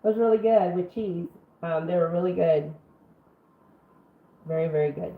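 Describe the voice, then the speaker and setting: A roomy, phone-like recording carries a middle-aged woman's slightly low voice. She sounds rough and under the weather, clearing her throat as she chats casually through a live cooking stream in her kitchen. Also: moderate pace. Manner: folksy, chatty, addresses viewers by name. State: sick for two weeks, throat-clearing. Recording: roomy, band-limited phone-like stream, faint noise.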